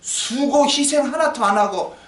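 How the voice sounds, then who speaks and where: Male pastor, high animated sermon voice, echoey church from a distance. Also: measured pace. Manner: animated, acts out little dialogues, quizzes the congregation. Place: church sanctuary. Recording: echoey hall, mic from a distance.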